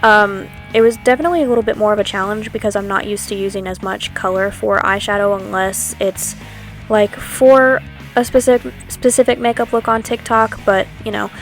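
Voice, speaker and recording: A woman's voice: medium pitch, steady tone, a little fast. A young woman in a chatty, upbeat voiceover for her vlog, rambling a little with fillers, recorded on a microphone on a tripod stand. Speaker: vlogger. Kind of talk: casual voiceover narration. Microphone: new microphone on a tripod stand. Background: soft background music.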